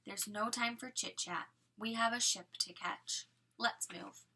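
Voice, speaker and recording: A woman reading aloud and voicing a scheming male villain with a mocking, breathy half-whisper and slow menace. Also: fairly high pitch, sharp tone, exaggerated voice. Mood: sneering.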